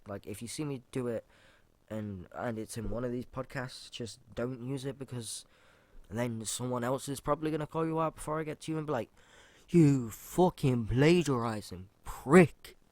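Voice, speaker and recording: Fairly quick and mid-range, this solo podcast host's voice carries loose, informal rambling peppered with fillers, restarts, and offhand swearing. At points he reads his own rap lyrics aloud.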